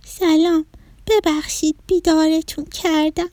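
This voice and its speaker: A woman voicing a shy, sad little broccoli child in a storybook, in a high, small, wavering voice. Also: darkish tone, dry recording, far from the mic. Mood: hopeful.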